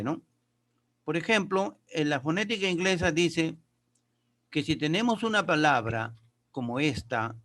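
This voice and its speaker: A male teacher with a slightly raised voice walks his pupils through grammar and pronunciation one step at a time. He reads English sentences aloud slowly and deliberately. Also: fairly high pitch, a bit bright. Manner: explains step by step, addresses pupils as kids. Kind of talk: classroom lesson.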